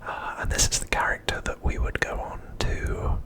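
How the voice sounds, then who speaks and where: Breath rather than voice carries this ASMR host's improvised show-and-tell, delivered in a hushed whisper at an easy, unhurried pace.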